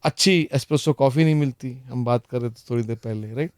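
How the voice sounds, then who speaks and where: A man's voice: mid-range voice, fast, darkish tone, clear, resonant tone, dry recording, clean studio sound. A middle-aged man from India with an Indian accent, a guest in casual chat, mixing English phrases and often adding "right?" and "you know".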